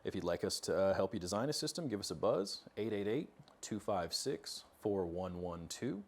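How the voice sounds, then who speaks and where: The host of a product tech talk series, an American man in his thirties, has a deep, animated voice and keeps a moderate pace. He talks to camera informally, explaining things casually in an indoor workshop studio fitted with metal cabinets.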